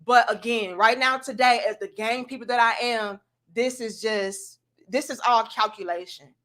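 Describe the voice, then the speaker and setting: Skeptical, sarcastic woman livestreamer, higher-pitched. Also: moderate pace, fairly bright tone. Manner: skeptical, sarcastically mimics opposing views; emphatic, punchy delivery with rhetorical questions. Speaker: livestream host. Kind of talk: casual opinionated livestream commentary.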